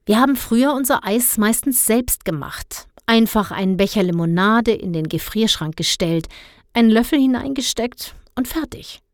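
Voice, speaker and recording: A woman's voice: a little high, lively intonation, normal speed, no echo, studio quality, voice pushed up. A woman voicing a grumpy, stingy middle-aged father who scolds and grumbles indignantly in a storybook reading. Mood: indignant grumbling.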